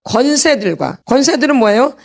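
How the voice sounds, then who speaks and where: A woman's voice: sits high, lively intonation. Questioning woman pastor preaching. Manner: asks the congregation constant questions; quotes scripture slowly. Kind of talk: sermon teaching. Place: church meeting hall.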